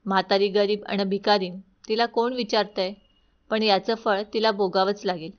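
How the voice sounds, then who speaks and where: A woman's voice: medium pitch, steady tone, moderate pace, natural voice. Woman doing a cranky old beggar lady, scolding and bitter, storybook telling, muffled lo-fi sound. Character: angry poor old woman beggar with a stick. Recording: dull lo-fi recording.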